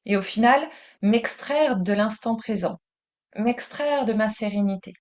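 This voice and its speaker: French woman teaching meditation, calm and soothing, very slow delivery. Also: medium pitch.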